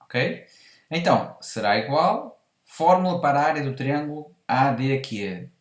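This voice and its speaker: A man's voice: medium pitch, big pitch swings, a little slow, reverberant. A man with a European Portuguese accent explaining a math exercise step by step, methodically, and correcting himself as he goes. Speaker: math teacher. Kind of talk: whiteboard math lesson.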